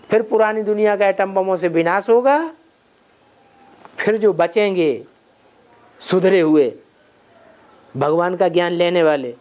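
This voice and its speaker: A man's voice: high-pitched, darkish tone. A man leading a spiritual class, answering questions and posing rhetorical questions he answers himself. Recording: dull lo-fi recording with faint noise.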